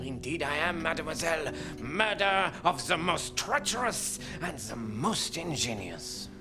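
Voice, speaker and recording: Pompous French detective, swooping delivery. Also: male voice, fairly high pitch, very animated, vocal fry, music in the background, full character voice. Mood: grave accusing. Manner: grandiose, formal, drawn-out pronouncements. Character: pompous theatrical foreign gentleman detective, world-weary. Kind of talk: parody period murder-mystery sketch.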